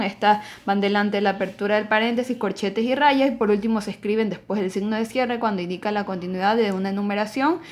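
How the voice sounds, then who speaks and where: Woman teacher giving an emphatic lesson. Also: mid-range voice. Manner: explanatory, emphatic on key rules. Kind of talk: recorded online class lecture.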